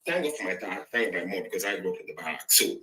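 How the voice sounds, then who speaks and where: A man's voice: low-pitched, big pitch swings, very fast, sharp tone, a little hiss or hum, poor audio. A man from Nigeria with a Nigerian accent, calling into a live stream and telling his story emphatically. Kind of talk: casual call-in chat.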